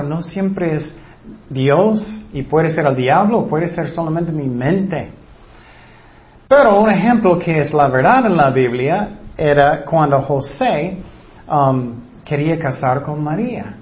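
A man with a high-pitched voice preaches a sermon, retelling stories and acting out what people said. He often stops and restarts his sentences. The sound is roomy and a little dull. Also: lively intonation, a little slow. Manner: storytelling with acted quotes, frequent restarts. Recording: roomy, slightly dull recording.

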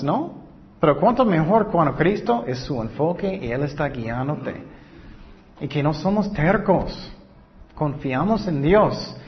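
A man delivers a sermon in a slightly raised voice. He keeps posing questions to his listeners and then answering them himself. The recording is dull and lo-fi. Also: fairly high pitch. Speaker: preacher.

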